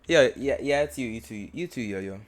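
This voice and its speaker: A young man chatting casually on a stream, joking around with friends in relaxed banter. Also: medium pitch, moderate pace, faint music behind. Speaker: fellow streamer.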